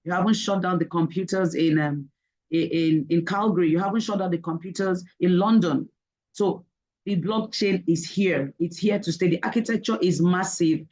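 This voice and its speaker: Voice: mid-range voice, normal speed, a little mellow, rough recording. Webinar presenter explaining step by step. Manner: explanatory, with frequent "okay?" check-ins and fillers.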